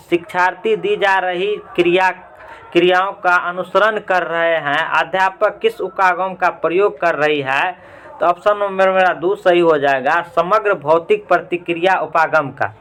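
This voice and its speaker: A man's voice: high-pitched, a bit bright. A man teaching in who reads out exam questions one by one, gives the correct option, then asks and answers his own questions to repeat it. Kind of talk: reading out and explaining exam answers.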